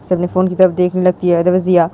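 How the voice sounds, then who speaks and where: A woman's voice: on the low side, monotone, fast talker, warm tone. Woman casually narrating a love story. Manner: plain, repetitive retelling. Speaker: storyteller, channel host.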